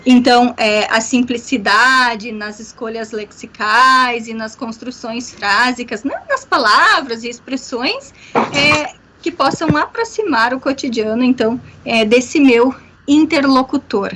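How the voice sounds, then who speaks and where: High-voiced woman lecturing. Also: a little slow, pushed and bright, slight background noise. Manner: explanatory, many fillers, frequent "né?". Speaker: workshop instructor. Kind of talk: online workshop lecture. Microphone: video call.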